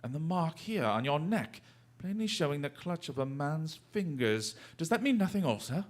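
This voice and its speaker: For a radio drama, a man plays a sharp gentleman detective, speaking in a formal, exact, coolly courteous way with theatrical diction. His pitch ranges widely and lively, he moves at a moderate pace, and he sounds completely in command while his mood stays dry and probing.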